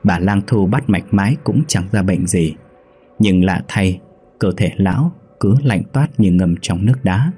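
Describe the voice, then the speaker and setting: Deep-voiced man narrating a ghost story. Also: a little slow, warm tone, husky. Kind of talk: scripted horror narration.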